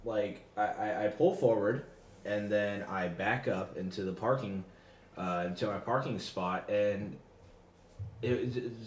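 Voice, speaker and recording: A man hosting a casual podcast, telling stories in a rambling way, full of fillers and quick laughs. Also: on the low side, a little hiss or hum. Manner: rambling, filler-heavy storytelling with frequent laughter. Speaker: podcast host. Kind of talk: casual chat. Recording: roomy echo.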